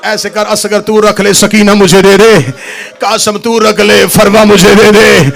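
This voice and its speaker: Grieving noble sister in a high wailing chant, put on by a male preacher. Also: flat delivery, measured pace, creaky, fairly bright tone, some chatter behind, heavily acted. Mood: wailing lament. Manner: wailing, sung lament. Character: grieving noble sister pleading with her brother.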